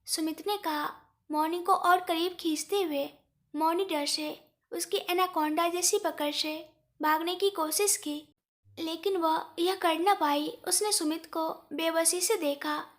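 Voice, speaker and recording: A woman reads a romance story aloud in a steady, even storytelling delivery. Her voice sits very high and light, and the narration is scripted and paced. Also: slow pace.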